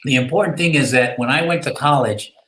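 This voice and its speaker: A man's voice: medium pitch, brisk, fairly bright tone, reverberant, rough recording. A man from Chicago with a Puerto Rican accent, speaking earnestly and urging listeners, often repeating phrases. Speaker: panel guest. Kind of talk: casual panel discussion.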